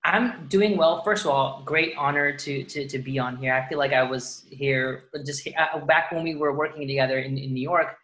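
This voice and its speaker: A man's voice: on the high side, normal speed, few pauses, a bit bright. A man in his thirties from Dallas, Texas, guesting on a podcast in casual, rambling chat. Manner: rambling, many restarts and fillers.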